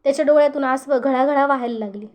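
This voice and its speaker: High-voiced woman reading a story aloud. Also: racing, a little mellow. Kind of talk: scripted narration of a short story.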